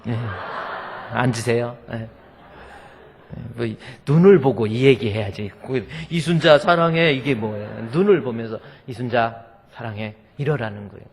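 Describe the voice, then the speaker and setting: A man's voice: mid-range voice, moderate pace, darkish tone, a little hiss or hum. A male pastor preaching a sermon in a church, folksy and joking with the congregation. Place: church sanctuary. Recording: long hall reverb.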